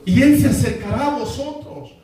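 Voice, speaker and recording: A male pastor with a very high-pitched voice preaches a sermon, driving his points home by repeating them and calling for responses from the congregation. His voice comes from well away from the microphone and rings through a strongly echoing church hall. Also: lively intonation, moderate pace, warm tone. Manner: repeats key lines and calls for congregation responses. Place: church sanctuary. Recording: echoey hall, voice from far off the mic.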